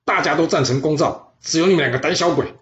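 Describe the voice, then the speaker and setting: A man voicing an arrogant, hot-tempered ancient king who shouts and scorns his advisers. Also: a little high, fast, voice pushed up, lightly acted. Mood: furious. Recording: roomy, slightly dull audio.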